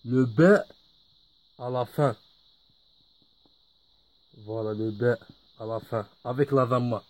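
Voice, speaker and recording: A man's voice: medium pitch, steady tone, takes it slowly, no room sound. A man teaching a lesson in French, patiently repeating each word. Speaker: Arabic teacher. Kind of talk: slow spoken lesson.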